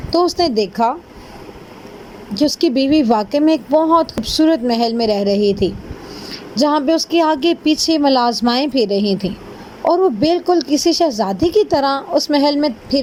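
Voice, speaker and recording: A woman storyteller narrating a children's fairy tale with gentle, expressive delivery. Her voice sits high, with faint noise underneath.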